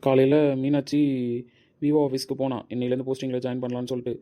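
A pushy young friend rattles off urgent demands at great speed, as a man plays him. His delivery stays flat and unbroken. The sound is dull and lo-fi. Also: mid-range voice, very fast, natural voice. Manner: insistent, urging. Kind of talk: amateur audio drama.

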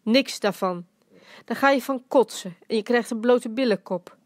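A woman's voice: fairly high pitch, normal speed, dry recording, natural voice. Storybook grandpa, old man, dry rhyming jokester; woman reader doing him. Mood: teasing. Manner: dry joking, rhyming quips. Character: playful dying grandfather, old man, teasing.

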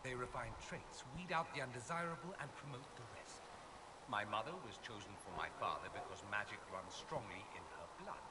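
A man's voice: medium pitch, fairly quick, distant mic, very noisy, natural voice. A man voicing a charming, haughty male noble mage in video game dialogue, proud and witty with theatrical flourishes. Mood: wry, proud.

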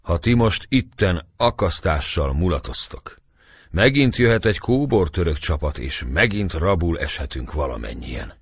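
A man's voice: low voice, lively intonation, breathy edge, dry recording, exaggerated voice. A man reading an audiobook, voicing a stern old priest who admonishes and blesses a crowd. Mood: earnest plea. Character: stern old village priest, grave and commanding.

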